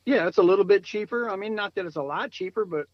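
A man's voice: high voice, fast, muffled recording. A man from Michigan talking casually about hunting gear, rambling and repeating words, laughing often. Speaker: podcast guest, coon hunter. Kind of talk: casual chat.

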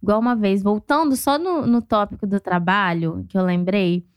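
A Brazilian woman co-hosting a podcast in casual chat, talking in rambling asides and quick to laugh. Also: mid-range voice, clean tone, no echo. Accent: Brazilian Portuguese. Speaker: podcast co-host.

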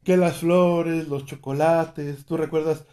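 A man with a Mexican accent hosts a casual chat. His somewhat high voice is mellow and relaxed, and he prompts with questions and throws in playful quips. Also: slow pace. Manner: conversational, prompts with questions and drops joking quips. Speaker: host.

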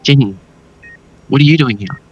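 Husky, anxious man in love, played by an actor. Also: mid-range voice, normal speed, lo-fi sound, natural voice. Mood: worried, pleading. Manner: earnest, worried. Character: anxious grieving man, devoted and haunted. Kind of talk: audio drama acting.

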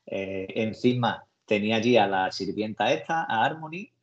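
On a muffled, lo-fi recording, a podcast co-host with a Spain Spanish accent chats casually about a series. His fairly low voice has lively intonation at a normal speed as he rambles through scenes in colloquial slang.

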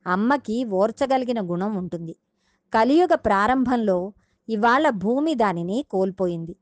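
A woman's voice: medium pitch, expressive, measured pace, no echo. A woman giving a devotional discourse, retelling a sacred story and explaining its meaning earnestly, speaking directly to her listeners.

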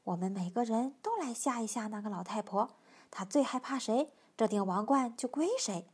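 A woman's voice: a little high, normal speed, darkish tone, slightly rough, voice pushed down. A woman reading a storybook voices a proud, bossy male lion who boasts and plots. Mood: hushed.

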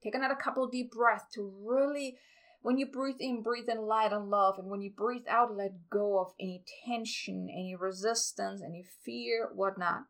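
A woman guiding a meditation in a calm, soothing, meditative manner, as a spiritual podcast host. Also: medium pitch, moderate pace. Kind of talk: guided meditation.

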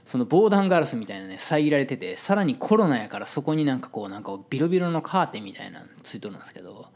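A man's voice: medium pitch, very animated, fast. A man with a Kansai Japanese accent telling a story in a casual, chatty monologue and acting out the voices of people he quotes.

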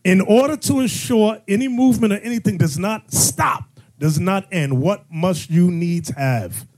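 A man teaching a congregation as bishop gives sermon-style teaching, posing call-and-response questions and breaking into sudden emphatic bursts. His voice sits high, with an unhurried pace and a darkish tone.

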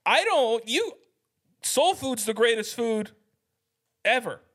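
High, bright-voiced ranting podcast host. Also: male voice, sing-song, takes it slowly. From United States. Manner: irreverent, ranting, profane. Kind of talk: casual podcast chat.

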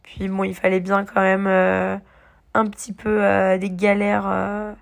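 A young woman chats through her travel vlog in a loose, rambling way, filling her talk with hesitations and restarts. Her voice has a strong gravelly fry, and she has a slight cough because she is a bit under the weather. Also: mid-range voice, monotone, unhurried. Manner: rambling, many fillers and restarts. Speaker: travel vlogger. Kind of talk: casual travel diary vlog.

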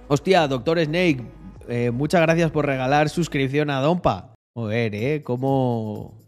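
A man's voice: medium pitch, slow pace, faint music behind. A young man from Spain with a Spanish accent, talking to his livestream chat in a casual, emphatic way, often repeating words and swearing. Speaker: streamer.

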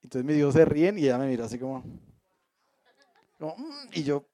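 A man's voice: on the high side, a little fast, warm tone. A man teaching a Bible study class. He reads the passage aloud, stops to explain it and often puts questions to his listeners, with playful asides. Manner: asks the audience frequent questions.

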